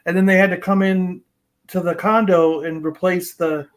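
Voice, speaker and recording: A man's voice: high voice, fairly even intonation, normal speed. A man talking casually on a live chat, loose and searching for words.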